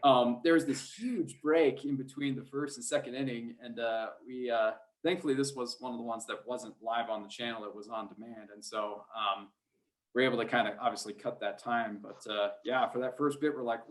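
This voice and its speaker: A man with a medium-pitched voice talks at a moderate pace as a guest on a podcast. He calls play-by-play for high school sports, and he shares anecdotes in a chatty, easygoing, self-deprecating style.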